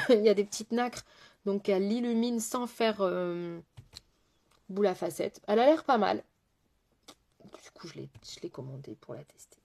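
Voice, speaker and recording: A woman's voice: mid-range voice, moderate pace, long pauses, a little mellow. A woman makeup artist chatting casually through a live makeup tutorial, answering viewers' comments as she works, with lots of fillers and sentences that trail off.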